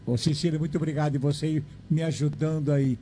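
Older Brazilian radio host, mellow voice. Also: male voice, on the high side, steady tone, fast, a little hiss or hum. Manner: chatty, fond, preachy asides. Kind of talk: radio talk show.

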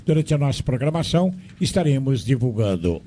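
A man reading local community announcements on the radio, listing dates and places in a measured way. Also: medium pitch, sing-song, dark tone, slight background noise.

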